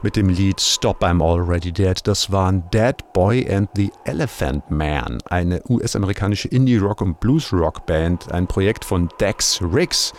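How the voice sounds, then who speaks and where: A man's voice: low voice, animated, a little slow, few pauses, a little mellow, a little hiss or hum. A middle-aged man presenting a music show in a casual, rambling, colloquial and self-ironic way. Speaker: radio music show host.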